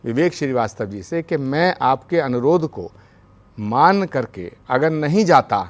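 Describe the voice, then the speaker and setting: Calm formal guy on a debate panel, religious kind of phrasing, mid pitch. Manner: measured, formal, devotional phrasing. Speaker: panelist, spiritual leader. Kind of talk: TV debate argument. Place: TV studio.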